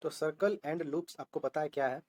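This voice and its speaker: A man's voice: on the high side, unhurried. Man teaching shorthand step by step. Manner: steady teaching voice, spells out letters, asks and answers itself. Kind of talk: explaining a lesson on a board.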